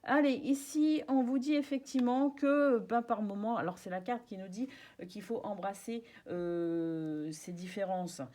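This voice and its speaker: A woman's voice: medium pitch, fairly even intonation, a little slow. A French-speaking woman doing a casual tarot card reading for her viewers, chatty and reassuring, with many hesitations and restarts. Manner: soft, reassuring.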